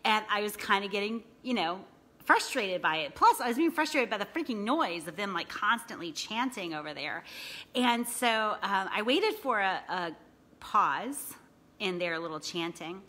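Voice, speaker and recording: Seated on her couch at home, this woman in her thirties, a small business coach, chats to a phone camera at arm's length. Her medium-pitched voice is pushed and bright with lively intonation at a moderate pace, and she fills her talk with "right?", "you know" and other fillers.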